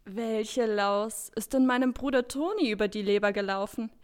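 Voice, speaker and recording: A woman voicing a cheerful, energetic girl hero and big sister in a children's audio drama. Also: fairly high pitch, normal speed, close to an everyday voice. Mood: puzzled. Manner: bubbly, upbeat, sisterly.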